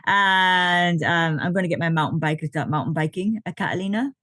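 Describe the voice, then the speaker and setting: A woman's voice: on the low side, fairly quick, fairly bright tone, dry recording. A woman in her late fifties, a podcast guest, chatting casually and laughing often, with lots of fillers, over a video call. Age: 50s. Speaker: podcast guest, ultra triathlete. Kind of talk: casual interview chat.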